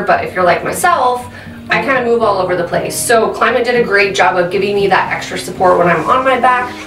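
A woman with a mid-range, slightly bright voice chats her way through a casual gear review, dropping plenty of "um" fillers. She's at a desk in an indoor room, and the recording sounds roomy and a bit distant.

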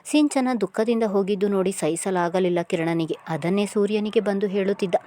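A woman narrating a serialized novel, reading in an even storytelling delivery. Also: medium pitch, fairly quick. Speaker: audiobook narrator.

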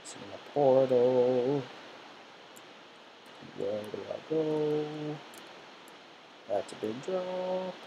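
A man's voice: medium pitch, very slow, gravelly, long pauses, lo-fi sound. A teenage boy talking through his own video game session, jittery and nervous, muttering to himself as he plays. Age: teens. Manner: nervous, jittery self-talk while playing. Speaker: gamer. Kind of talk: let's play commentary. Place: room in a family home. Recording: steady background hiss.

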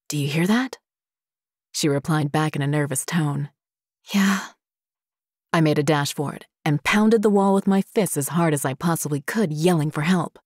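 A woman reading scary stories aloud as a narrator, in a slow, steady storytelling delivery. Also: low-pitched, dry recording, studio quality.

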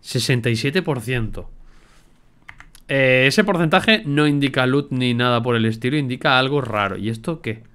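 Swearing, excitable gameplay streamer man. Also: medium pitch, moderate pace, smooth. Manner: excitable, swears a lot, talks to himself. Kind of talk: casual gameplay commentary.

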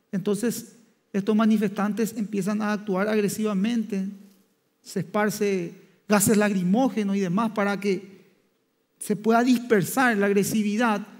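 A male pastor preaching a sermon, halting and restarting with frequent fillers as he searches for words. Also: high voice. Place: church hall. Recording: long church hall reverb.

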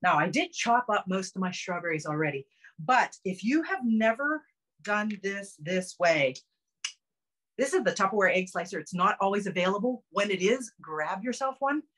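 Cooking in her home kitchen on a video call, a middle-aged woman walks through each step in a casual, cheerful, talkative demo. She speaks at a normal speed with a medium-pitched, fairly bright voice and lively intonation, recorded close up on a phone camera.

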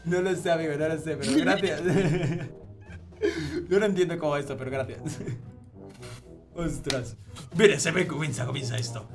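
A man with a Spain Spanish accent, live-streaming an online game, chatting excitably and thanking donors. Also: on the high side, moderate pace, pauses often. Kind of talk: live gaming stream chat. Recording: game music playing behind voice. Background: game music.

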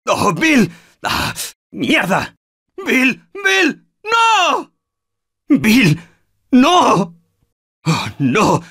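An anxious everyman fighting through a zombie video game. His Castilian Spanish voice is husky and emotive. He speaks in slangy, unhurried phrases with big swings in pitch. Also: big pitch swings, a bit bright, full character voice. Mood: grieving.

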